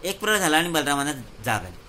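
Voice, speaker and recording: A man narrates a moral tale for children in a lively, explaining manner, repeating words for effect. His voice is bright and a little high, with faint background noise. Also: fast, rough recording. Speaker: storyteller for children.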